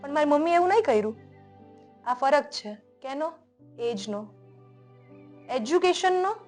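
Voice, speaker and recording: A young woman with a high, bright voice tells her story in a relaxed podcast chat. She talks emphatically, her pitch lifting as she presses her point. Faint music plays underneath. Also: unhurried. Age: young adult. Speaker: guest speaker, entrepreneur. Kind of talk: casual podcast conversation.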